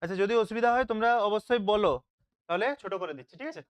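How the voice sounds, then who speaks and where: Smooth-voiced teacher quizzing a class. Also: mid-range voice, rapid-fire. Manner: asks questions and answers them himself, checks with "তাই তো?". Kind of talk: online live class, question-and-answer revision.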